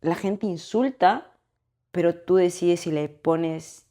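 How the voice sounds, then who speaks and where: Lower-voiced reflective woman co-host. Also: slow pace, mellow. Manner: reflective, thinking aloud with hesitations and tag questions. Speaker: podcast co-host. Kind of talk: casual chat.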